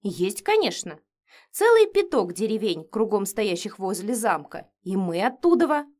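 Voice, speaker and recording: A woman's voice: medium pitch, sing-song, normal speed, darkish tone. A woman voicing a kindly but stern, stout older woman cook who speaks in a folksy, matter-of-fact way.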